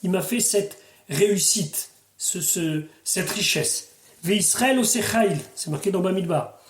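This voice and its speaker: A man's voice: high voice, measured pace, roomy sound. A man, a rabbi, teaching the weekly Torah portion verse by verse, reading Hebrew phrases and then translating and explaining them.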